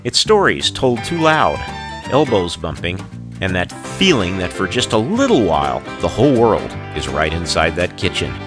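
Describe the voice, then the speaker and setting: A man's voice: deep voice, very animated, moderate pace. A man hosting a show, reciting scripted cowboy poetry and stories in a folksy, rustic way with dropped g's. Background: guitar music.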